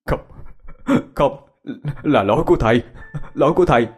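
A man's voice: medium pitch, lively intonation, moderate pace, darkish tone, breathy edge, soft background music. A man voicing an anxious male teacher who soothes and pleads. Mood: anxious pleading. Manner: pleading, soothing then broken.

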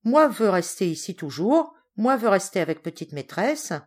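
Woman voicing a big blunt sailor, forties, loud broken pidgin, storybook. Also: sing-song, moderate pace. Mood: pleading, insistent. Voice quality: broken pidgin French, booming. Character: burly sailor man in his forties, hearty and blunt.

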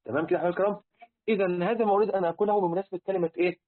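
On a tinny, phone-like lo-fi recording, a man with an Egyptian accent teaches a religious lesson about what words mean. He speaks very fast in a high voice with fairly even intonation, asking rhetorical questions and repeating important words.

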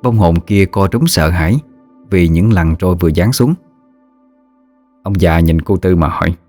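A man narrating a ghost story in a steady, measured storytelling voice. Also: deep voice, no echo, soft background music.

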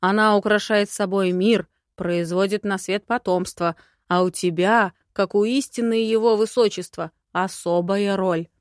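Woman voicing an old male lord, grumpy, growling, indignant, mid pitch, dry studio sound. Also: steady tone, a little slow, few pauses, no room sound, lightly acted. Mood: stern. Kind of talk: audiobook character voice.

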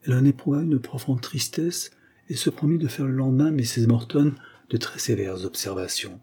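Husky, dark-toned male audiobook narrator. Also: medium pitch. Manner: measured, storytelling. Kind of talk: reading a 19th-century adventure novel.

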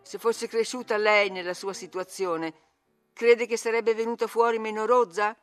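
A woman's voice: on the high side, fairly even intonation, normal speed, soft background music, natural voice. A woman as an earnest old housekeeper. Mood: reproving. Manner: firm, reproving. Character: older housekeeper, earnest and reproachful.

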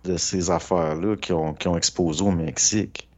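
A man's voice: low-pitched, fairly even intonation, normal speed, darkish tone. A man with a Quebec French accent, speaking bluntly and skeptically in a folksy, casual discussion. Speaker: guest speaker. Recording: dull lo-fi recording.

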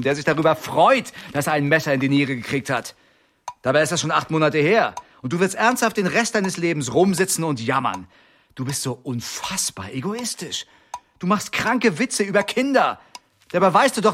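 A bitter, sarcastic older brother. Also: male voice, a little high, expressive, moderate pace, a bit bright, slight background noise. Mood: bitter sarcasm. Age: middle-aged. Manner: sarcastic, accusing. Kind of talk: radio play acting.

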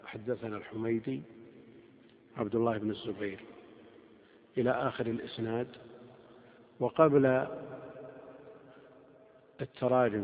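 A man teaching a classroom lecture as a teacher of hadith, explaining each point step by step. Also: mid-range voice. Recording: lo-fi phone-like sound in a reverberant hall.

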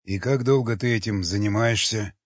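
A man reading an audiobook, voicing a cynical, mocking cannibal who teases and calmly questions. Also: on the low side, normal speed, no room sound, lightly acted. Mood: cool questioning. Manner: sardonic, teasing, calmly questioning. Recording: dull lo-fi recording.

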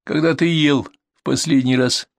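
A man voicing a gruff, tired male ambulance doctor with a stern, mocking manner, in a storybook reading. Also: a little high, fairly even intonation, moderate pace, no room sound, studio quality, pitched above the performer's own voice.

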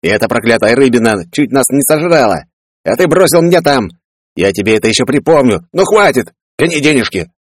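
A man voicing a greedy, brash grown brother who talks loud, wheedling and boastful. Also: medium pitch, very animated, brisk, dry recording, clean studio sound, voice pushed up. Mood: brash demanding.

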